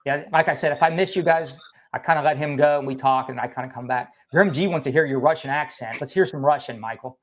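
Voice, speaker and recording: A man hosting a livestream, asking questions and talking in quick, loose, repetitive phrases. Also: medium pitch. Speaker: livestream host. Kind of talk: casual livestream chat.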